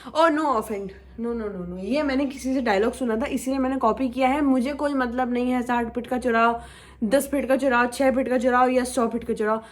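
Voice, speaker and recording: A woman's voice: on the high side, steady tone, normal speed. A young woman vlogger chatting casually and teasing her viewers in a playful, chatty way. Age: young adult. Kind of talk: casual chit-chat vlog.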